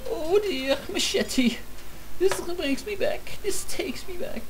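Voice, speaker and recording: Over background music, a gaming YouTuber talks at a slow pace in an extremely high, animated voice. She plays a video game and chats with her tools in a goofy, mock-dramatic way, as if they were old friends, in comedic let's-play commentary.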